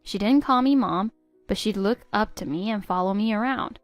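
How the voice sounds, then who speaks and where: A woman voicing a patient, hurt middle-aged stepmother who pleads gently with her stepdaughter. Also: mid-range voice, moderate pace, no echo, soft background music, close to an everyday voice. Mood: confiding. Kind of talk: text-story voice acting.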